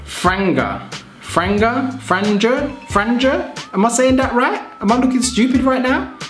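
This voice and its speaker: A man chatting casually to his viewers, self-mocking and thinking out loud. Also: very high-pitched, expressive, moderate pace, music in the background. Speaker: vlogger. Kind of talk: casual vlog chat. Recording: echoey room.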